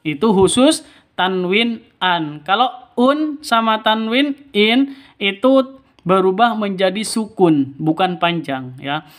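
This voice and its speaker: Slow and expressive, this high-voiced man, a native Indonesian speaker, teaches the rules of Quran reading one step at a time. He is patient and says every rule twice.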